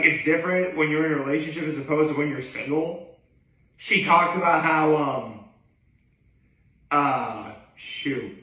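A man's voice: on the high side, pushed and bright. A man in his thirties talking casually to camera in a hesitant, digressive way, often backtracking. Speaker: daily video blogger. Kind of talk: casual rambling vlog to camera. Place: living room, indoors. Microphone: camera a few feet away. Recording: echoey room, distant microphone.

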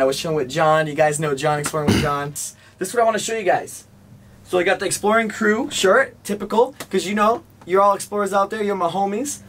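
A young man chatting casually to camera as a vlogger, slangy and chummy with his viewers. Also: high voice. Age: young adult. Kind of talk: casual vlog chat to camera. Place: small home rooms, indoors.

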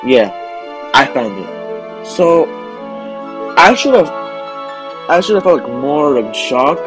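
A man's voice: a little high, big pitch swings, takes it slowly. A young man narrating a casual voice-over about his game hunting luck. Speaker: gaming YouTuber. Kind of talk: recorded vlog voice-over. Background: background music.

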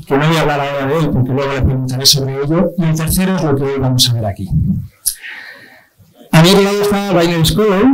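A man moderating a science outreach event, telling a story in an animated way, acting out quoted dialogue and repeating words for emphasis. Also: on the high side, rough recording. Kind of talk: live presentation, anecdotal storytelling.

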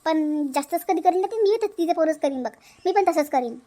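A high, girlish voice plays a grumbling, jealous sister-in-law, as a woman dubs her. She airs her resentment in a Vidarbha Marathi accent. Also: expressive, a little fast, mellow. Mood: resentful.

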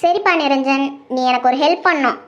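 A woman voicing a cheerful middle-aged mother speaking briskly to her children in a web drama. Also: sits high, lo-fi sound, close to an everyday voice. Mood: motherly.

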